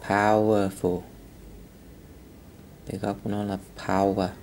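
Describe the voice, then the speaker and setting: Slow, low-voiced man teaching. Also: level tone, darkish tone, slight background noise. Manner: slow, repeating each word several times. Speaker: English teacher. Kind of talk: vocabulary lesson.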